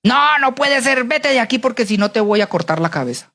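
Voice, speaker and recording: A woman's voice: on the high side, lively intonation, brisk, a bit bright, pitched above the performer's own voice. A woman doing a bitter, furious old king. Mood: angry. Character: bitter, wicked old king, angry man.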